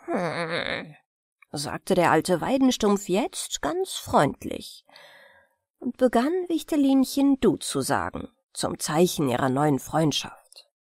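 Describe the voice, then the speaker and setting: Slow, expressive woman reading a fairy tale. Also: lowish voice, no echo, clean studio sound. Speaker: audiobook reader. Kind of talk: storybook narration.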